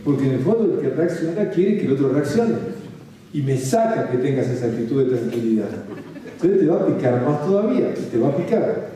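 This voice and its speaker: A man with a Rioplatense Spanish accent gives a calm spiritual talk, repeating his points and asking listeners if they follow. His voice is very dark and mellow. It rings out in a strongly reverberant room, picked up from a distant mic. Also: mid-range voice, brisk, slight background noise. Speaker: spiritual speaker. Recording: very echoey room, mic far off.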